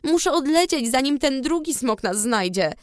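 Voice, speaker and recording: A woman's voice: high-pitched, lively intonation, normal speed, dry recording, studio quality, voice pushed up. A woman reading the lines of a frightened, stubborn teenage girl who rides a dragon, urgent and pleading.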